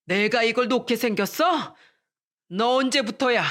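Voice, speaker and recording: A woman voicing an older father who shouts in indignant rage at his son-in-law. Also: fairly high pitch, unhurried. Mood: furious.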